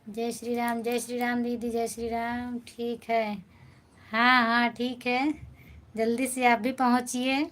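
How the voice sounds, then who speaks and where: Woman host, live stream chat, higher voice, flat steady delivery, soothing and affectionate with viewers. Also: unhurried. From India. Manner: affectionate, soothing, addresses viewers as brother and sister. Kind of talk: casual live chat reading comments.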